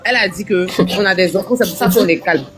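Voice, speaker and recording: A woman's voice: medium pitch, fast talker, a loud crowd. A woman on a live stream chatting away with fillers like "genre" and "et tout". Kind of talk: lively live stream chat.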